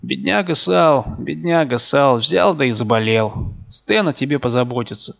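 A man reading the lines of a restless young man who hurriedly says goodbye to his sick friend in an audiobook, with a gravelly voice. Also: mid-range voice, animated, moderate pace, fairly bright tone.

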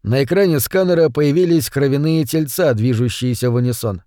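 A man narrating a science fiction audiobook in a steady, even storytelling manner. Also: medium pitch, a little fast, dry recording, clean studio sound. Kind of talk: scripted narration.

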